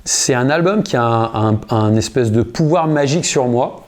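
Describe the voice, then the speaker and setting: A guitarist and singer from the United States, a man in his thirties, tells a story during a casual interview. His medium-pitched delivery is relaxed and slangy, with frequent restarts and pauses filled with fillers.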